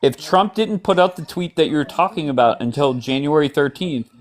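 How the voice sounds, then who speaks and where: A man's voice: on the high side, animated, moderate pace. Blunt, profane male livestream host. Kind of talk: heated political call-in chat.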